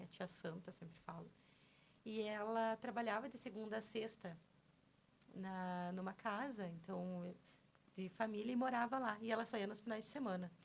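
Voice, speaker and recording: Speaking near a studio mic over slight background noise, this woman has a creaky, medium-pitched voice. She's a personal trainer from Porto Alegre, southern Brazil, appearing as a podcast guest and recounting her life in a chatty storytelling style with a Gaúcho Portuguese accent and frequent tag questions.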